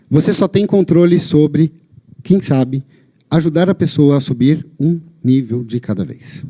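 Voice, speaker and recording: Brazilian guy lecturing on a lapel mic, lively swingy voice, kinda mellow, keeps asking the crowd yes or no. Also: on the high side. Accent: Brazilian Portuguese. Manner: animated, emphatic, keeps checking in with the audience. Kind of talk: live talk to an audience. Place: lecture venue.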